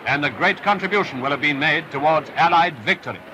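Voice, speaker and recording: This is a slightly high, animated male voice moving a little fast as he narrates a wartime film with emphatic, upbeat patriotism. The audio comes from a noisy restored soundtrack of the 1940s.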